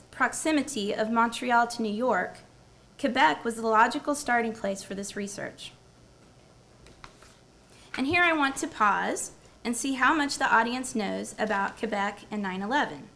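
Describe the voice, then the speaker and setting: A woman's voice: a little high, fairly bright tone. A woman professor presenting at a university symposium before a live audience, moving from a prepared talk to quizzing the audience and repeating their answers. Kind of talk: academic presentation with audience quiz.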